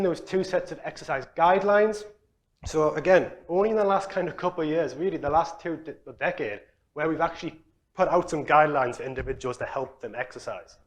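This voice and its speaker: A young man from Newcastle, giving a relaxed, chatty conference talk as a researcher. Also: fairly high pitch. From Newcastle, England. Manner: relaxed, chatty, self-deprecating. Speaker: exercise physiology researcher. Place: conference hall.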